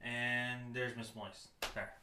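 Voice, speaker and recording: A man's voice: mid-range voice, flat delivery, takes it slowly, sharp tone, a little hiss or hum. A man hosting a casual horror podcast, laid-back and laughing, with lots of fillers. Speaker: podcast host. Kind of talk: casual chat.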